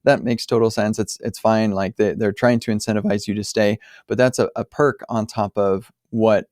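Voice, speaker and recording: Guy with a lowish voice answering a listener, chatty and emphatic, lots of ums, dry close sound. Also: fairly even intonation, moderate pace, darkish tone, dry recording. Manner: conversational, many fillers and restarts, emphatic. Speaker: podcast host answering a caller. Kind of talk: casual spoken advice.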